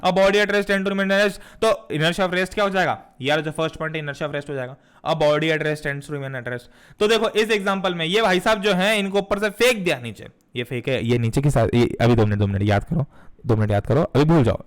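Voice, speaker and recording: A young man teaching a physics class online, explaining with everyday stories and rhetorical questions, and reading definitions out slowly. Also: on the high side, fairly bright tone, clean tone. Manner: reads definitions slowly and deliberately. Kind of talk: lively classroom lecture.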